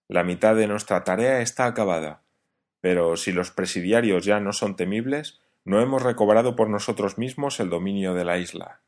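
A man doing a calm engineer leader. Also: on the low side, close to an everyday voice. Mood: firm. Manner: measured, firm. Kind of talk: audiobook reading.

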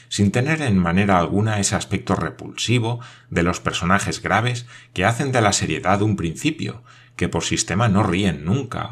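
A man reading a novel aloud as narrator in a measured, even way. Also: deep voice. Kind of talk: scripted audiobook narration.

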